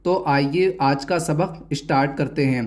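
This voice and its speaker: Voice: medium pitch, a little mellow. A teacher giving a reading lesson, spelling words out letter by letter and repeating key terms as questions and answers.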